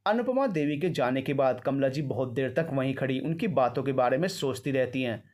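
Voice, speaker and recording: A man narrating a scripted story in an even, expository manner. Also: medium pitch, fairly quick.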